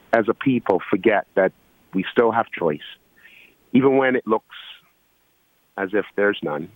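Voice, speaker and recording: A man from Guyana, an electrical engineer, calling in to a talk show and making his point earnestly, with many pauses and fillers. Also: on the low side, dry recording, narrow, tinny audio. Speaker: caller. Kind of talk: call-in radio talk.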